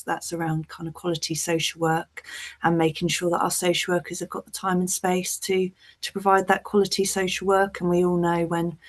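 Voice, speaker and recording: Over a video call, a principal social worker on a webinar panel speaks earnestly and with measured care. Her voice sits at a fairly low pitch.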